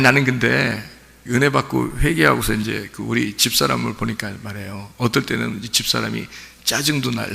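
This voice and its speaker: With a gravelly, mid-range voice that is bright and forceful, a male pastor preaches to his congregation at Sunday service. He keeps it conversational and regularly poses rhetorical questions. The sanctuary gives the recording a long church reverb.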